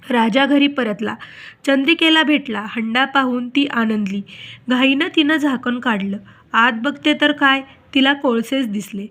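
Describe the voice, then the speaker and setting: A woman with a Marathi accent narrating a devotional story in a steady, measured storytelling manner. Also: sits high.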